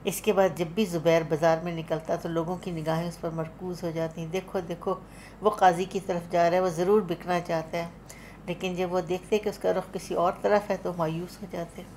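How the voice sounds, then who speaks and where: A woman with a lower voice and a Pakistani Urdu accent reads a literary story aloud as an audiobook narrator. She tells it dramatically and rises in force when the characters cry out. A faint ambient hum sits under her voice. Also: flat delivery, normal speed, a little mellow.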